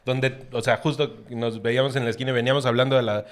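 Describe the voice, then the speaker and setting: A man's voice: medium pitch, fairly even intonation, fast talker. Guy asking questions on a chatty podcast, medium voice, easygoing. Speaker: interviewer. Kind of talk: casual interview chat.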